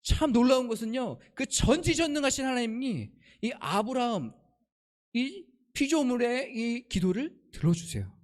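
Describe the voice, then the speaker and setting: A man's voice: very high-pitched, animated, normal speed. A male pastor preaching a sermon, telling a family story and putting questions to the congregation. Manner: acts out quoted family lines.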